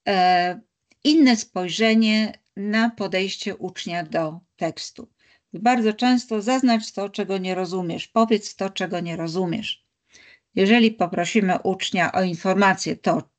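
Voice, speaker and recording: Slow, measured woman teacher trainer. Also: mid-range voice. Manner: slow and measured, with many pauses and hums. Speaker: teacher trainer leading a webinar. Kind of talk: unscripted methods talk. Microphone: video call.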